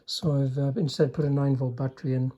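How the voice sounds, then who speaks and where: Demonstrating a restored radio chassis, an older repairer talks casually and hesitantly, letting remarks trail away in an understated manner. He has a mid-range, dark voice with a level tone and a quick pace.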